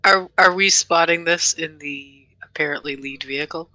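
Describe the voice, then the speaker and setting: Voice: mid-range voice, normal speed, pushed and bright, no room sound, rough recording. A tabletop game player who speaks hesitantly.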